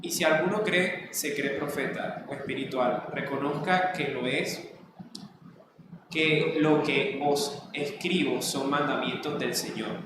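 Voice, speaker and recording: A man with a Colombian Caribbean accent reading Bible verses aloud in a steady, even way. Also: medium pitch, slow pace. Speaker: student reading scripture aloud. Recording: echoey hall, far off, loud noise.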